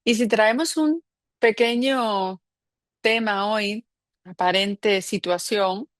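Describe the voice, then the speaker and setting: A woman's voice: mid-range voice, no echo. A woman leading a spiritual group session, talking in a reflective, playful way and laughing often. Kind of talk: guiding a group meditation talk.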